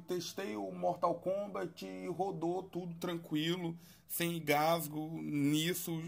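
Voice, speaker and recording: A man casually reviewing a smartphone for his vlog, talking in a chatty, halting way with frequent tag questions. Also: a little high, creaky. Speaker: tech reviewer.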